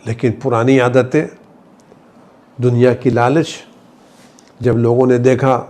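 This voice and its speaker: A man delivering a Friday sermon, telling the story with passion, his voice rising high for emphasis, then dropping low and quiet. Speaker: Shia cleric giving a Friday sermon. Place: studio.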